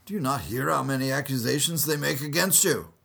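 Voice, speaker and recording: A man voicing a governor who asks questions in a measured way. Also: medium pitch, creaky, fairly bright tone, slightly rough, pitched above the performer's own voice. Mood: questioning.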